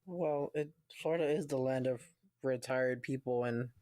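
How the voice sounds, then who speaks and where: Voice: mid-range voice, moderate pace, mellow, no room sound. A podcast co-host making dry, matter-of-fact remarks in casual chat.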